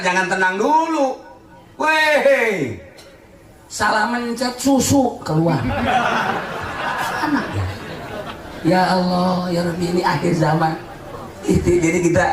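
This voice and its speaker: A man giving a humorous Islamic sermon as a preacher, swinging between low solemn warnings and high joking asides. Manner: jokey, mimics congregation members, swings from low solemn to high laughing. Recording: echoey hall.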